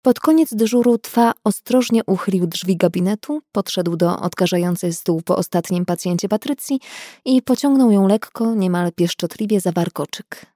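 A woman reading a novel aloud in an expressive, playful manner. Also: medium pitch, moderate pace, no echo, clean studio sound. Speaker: audiobook reader. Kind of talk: scripted narration of a novel.

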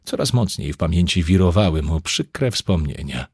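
A man reading an audiobook, narrating in a measured, dramatic storytelling manner. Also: low-pitched, lively intonation, a little mellow, slightly rough, no echo, studio quality.

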